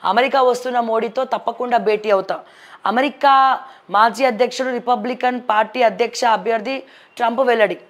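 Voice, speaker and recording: A woman with a noticeably high voice and a Telangana accent presents the news, reading headlines and giving her own opinionated take in a chatty style, with English words sprinkled throughout. Her tone stays steady and her delivery is brisk.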